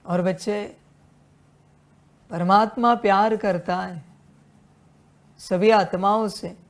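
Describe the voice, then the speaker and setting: A woman's voice: medium pitch, fairly even intonation, slow. A woman giving a devotional sermon as a spiritual teacher, admonishing her listeners as children with repeated refrains and rhetorical questions.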